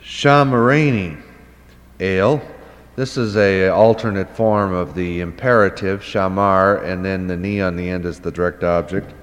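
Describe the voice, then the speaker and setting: A man's voice: deep voice, steady tone, normal speed, in a large hall. A man teaching a Hebrew Bible lesson off the cuff, thinking aloud with many fillers and asking and answering his own questions. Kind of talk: unscripted lecture.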